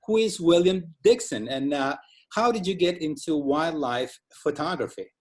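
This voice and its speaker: A man's voice: fairly high pitch, normal speed, darkish tone. Albanian man, host, formal wording, hesitant fillers, video call. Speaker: interview host. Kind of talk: semi-formal hosted interview.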